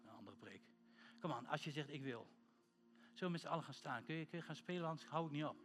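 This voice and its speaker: A man preaching a sermon and praying, fervent and building to loud calls. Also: a little high, fast talker, over music. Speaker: pastor. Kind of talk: sermon with prayer.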